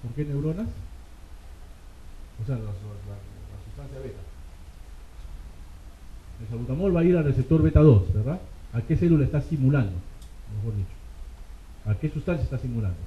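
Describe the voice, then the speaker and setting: A man lectures medical students at a mid-range pitch, firing off questions and answering them himself, checking in with a quick "ok?". The sound is thin and phone-like, and the room around him rings with echo. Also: animated, slight background noise. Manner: rhetorical questions, frequent "ok?" check-ins. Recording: tinny, echoey classroom recording.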